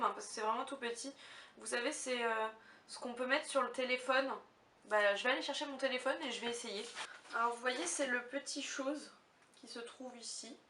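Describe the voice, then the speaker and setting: Heard in a slightly distant, roomy recording with a little noise, a woman's fairly high, sharp-toned voice chatters to camera. She unboxes gifts vlogger-style, gushing over them and thinking out loud as she goes.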